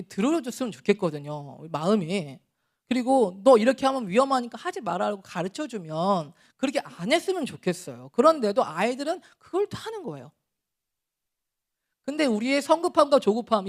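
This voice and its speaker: Lively Korean-speaking male pastor preaching. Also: high voice. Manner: conversational preaching with chuckles and acted scolding. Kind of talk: sermon.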